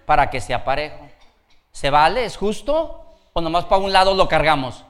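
A man preaching a sermon as pastor. He is lively and playful, laughs as he goes, and calls out to the congregation for responses. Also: on the high side, normal speed.

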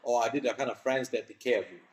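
A man's voice: medium pitch, fairly even intonation, very fast, roomy sound. A young Malaysian man telling stories in a casual, laid-back podcast chat.

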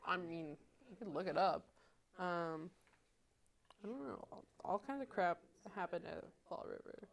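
A man's voice: high-pitched, expressive, unhurried, creaky, a bit bright. A man who is a guest on a casual podcast, speaking in a laid-back way with short replies. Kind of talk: casual chat.

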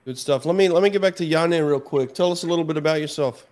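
A male host runs a casual live stream, chatting with callers in a laid-back, upbeat way and calling them champ and mate. His voice sits on the high side with a darkish tone, and he talks quickly.

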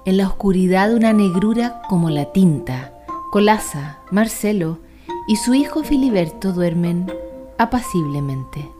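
A woman's voice: mid-range voice, lively intonation, unhurried, over music. Woman reading a children's picture book. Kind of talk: storybook reading.

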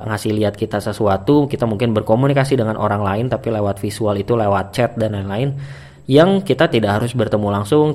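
Young man, casual vlog talk, relaxed, chatty, restarts often. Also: lowish voice. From Indonesia. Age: young adult. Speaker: vlogger. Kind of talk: casual monologue.

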